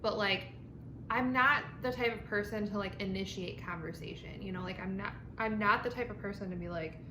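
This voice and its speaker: A woman's voice: mid-range voice, brisk. Woman, informal rambling chat, mild swearing, echoey room, background noise. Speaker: vlog host. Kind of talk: casual rambling chat to camera while eating lunch.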